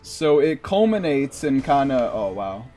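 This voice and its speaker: A man's voice: medium pitch, sing-song, unhurried, warm tone, soft background music. A man streaming a video game, rambling in casual commentary and swearing at the boss now and then.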